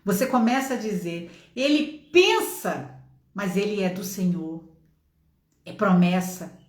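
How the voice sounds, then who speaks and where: A woman's voice: mid-range voice, measured pace, a little mellow, reverberant. A middle-aged woman with a Brazilian accent preaching a passionate sermon from her home office, exhorting listeners and acting out dialogue from her testimony. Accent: Brazilian Portuguese.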